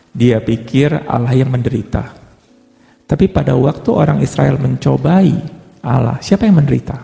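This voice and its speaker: Gravelly man preaching in a reverberant hall. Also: mid-range voice, dark tone. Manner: conversational, mixing in English phrases. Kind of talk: sermon.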